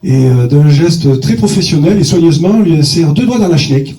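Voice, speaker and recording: Bawdy comedian with wild pitch swings. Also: male voice, lively intonation, fairly quick, mellow, echoey room, recorded from a distance. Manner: bawdy, punchy delivery with sudden voice jumps. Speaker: stand-up comedian. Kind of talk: crude stand-up storytelling. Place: comedy stage.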